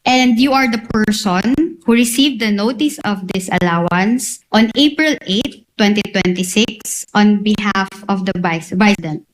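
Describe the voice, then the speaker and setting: A woman's voice: mid-range voice, a little slow, hardly any pauses, poor audio. A woman with a Filipino accent speaking as a lawyer in formal cross-examination, putting leading questions methodically, item by item.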